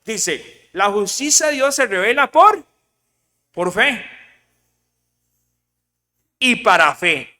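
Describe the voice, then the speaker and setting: A man preaching a sermon as pastor, in a lively style that keeps asking the congregation questions and slips in English words. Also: high-pitched, slow pace, pauses often, in a large hall.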